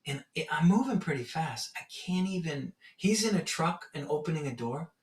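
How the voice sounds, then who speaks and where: A man's voice: on the high side, moderate pace. Man teaching in a roomy echo. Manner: animated storytelling, acts out his own reactions. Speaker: meditation teacher. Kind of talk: casual spiritual teaching talk. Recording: roomy echo, from far off the mic.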